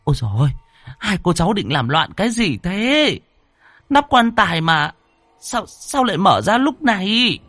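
A frantic older aunt who scolds in a piercing, shrill voice that climbs high. She sounds loud and keyed up in a dry, close audio story. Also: very animated, moderate pace, no echo, exaggerated voice. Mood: scolding, alarmed.

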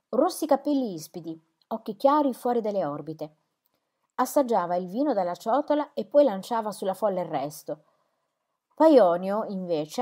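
Expressive woman reading a novel. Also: medium pitch. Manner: measured, expressive storytelling. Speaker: audiobook reader. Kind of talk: scripted narration of a novel.

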